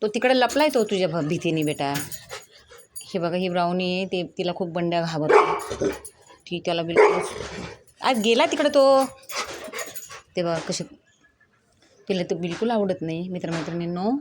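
Woman coaxing her dog over loud noise. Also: lowish voice, moderate pace, pauses often. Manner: coaxing baby-talk to her dog, switching to chatty asides to viewers. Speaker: vlogger filming her pet dog. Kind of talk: casual home vlog. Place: at home, by the doorway. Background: dog barking.

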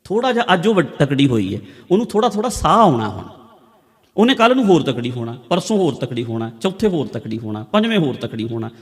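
Punjabi male preacher, higher-pitched voice, conversational repeated teaching lines, long hall reverb. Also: very animated, quick pace. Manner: conversational, repetitive teaching with everyday examples. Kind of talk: religious discourse. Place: large hall with a congregation.

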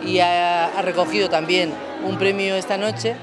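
A woman's voice: fairly low pitch, steady tone, normal speed, music in the background, a crowd in the background. A woman in her fifties answering an interview at an awards event, fluent and explanatory. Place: event hall with stage backdrop.

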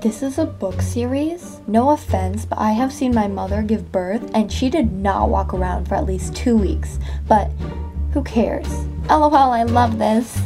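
A woman's voice: mid-range voice, measured pace. A woman reading online comments aloud in a casual vlog, adding sarcastic, dry retorts. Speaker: video creator and host. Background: music.

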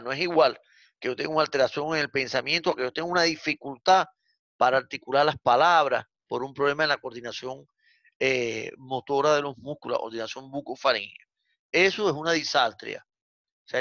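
A man giving a university psychiatry lecture, explaining step by step with frequent "eh" fillers and addressing the class as gentlemen. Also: medium pitch, vocal fry, no echo, lo-fi sound.

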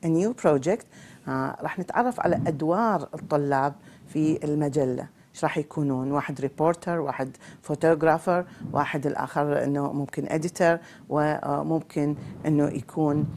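A woman's voice: sits low, darkish tone, a little hiss or hum. A woman with an Iraqi Arabic accent adding short, polite explanatory comments to a televised English lesson. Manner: adds brief explanatory comments, polite and measured. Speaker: co-presenting teacher.

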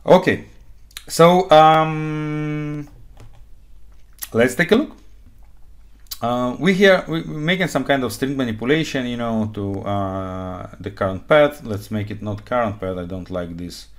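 A man in his forties, not a native English speaker and fluent in Hebrew, Russian, and Ukrainian, gives a live coding conference talk from a desk in a home room. He explains step by step, often checking with "okay?" His voice is medium in pitch and a little slow.

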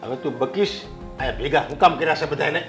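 A man's voice: fairly high pitch, a little fast, fairly bright tone, faint music behind. An older man with a Gujarati accent playing a stern, curt father-in-law. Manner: curt, reproving. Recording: echoey room recording.

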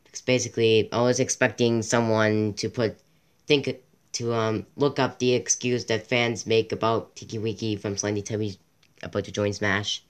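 A man's voice: on the low side, fairly even intonation, clear, resonant tone. Rambling guy reading a wiki aloud. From Canada. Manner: rambling, self-interrupting, reads aloud in quick bursts. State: losing his voice. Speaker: channel host. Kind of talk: casual commentary reading a wiki.

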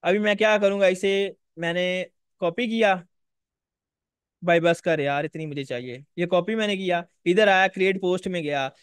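Higher-voiced man teaching casually. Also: a bit bright, clean tone, no echo, studio quality. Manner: casual, repetitive, addresses viewers directly. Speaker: online course instructor. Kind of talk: live screen-share tutorial.

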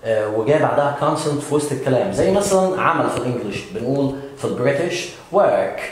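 Egyptian male English teacher, brisk, patient, hesitant fillers, reverberant room. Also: mid-range voice, lively intonation, slight background noise. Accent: Egyptian Arabic. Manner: patient, with many "aah" fillers, models words slowly. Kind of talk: explanatory language lesson. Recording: very echoey room.

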